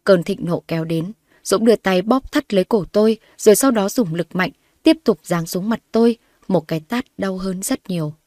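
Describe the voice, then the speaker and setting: A woman narrating a dramatic first-person story in a steady voice, recorded dry. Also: mid-range voice, normal speed, no echo.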